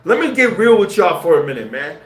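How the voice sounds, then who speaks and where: Man, live-stream commentary, slangy, talks to viewers, fairly high voice, echoey room, faint beat behind. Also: sing-song, brisk. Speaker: livestreamer. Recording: roomy echo with faint music.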